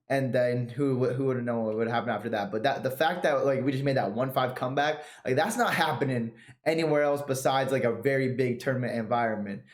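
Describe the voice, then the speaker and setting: A man chatting casually as a podcast host, voice at a middle pitch. He talks in an easy, talkative way, and the room around him rings with echo. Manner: relaxed, chatty, recaps past matches. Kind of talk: casual chat.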